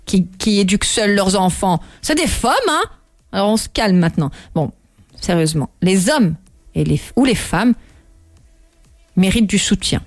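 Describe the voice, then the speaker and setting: A woman's voice: medium pitch, no room sound, clean studio sound. A woman hosting a show and giving casual, joking advice, who often repeats herself and breaks off mid-sentence. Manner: animated, jokey, self-interrupting, repeats herself. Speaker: host. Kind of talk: casual motivational talk.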